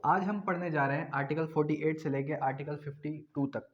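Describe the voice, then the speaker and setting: A man with a Pakistani accent delivers a fast, explanatory law lecture in a fairly high voice with fairly even intonation. He reads out legal articles and explains them in a didactic way, repeating key phrases for emphasis. The audio is dull and lo-fi.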